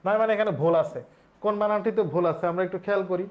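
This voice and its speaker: A man's voice: high-pitched, fairly even intonation, very fast, dull audio. A male teacher, explaining exam questions step by step and quizzing his students. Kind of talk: exam-prep lesson.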